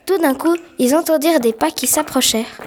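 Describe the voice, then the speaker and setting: A woman's voice: sits high, fairly quick, background noise. A woman narrating a story in a plain amateur reading, with small slips.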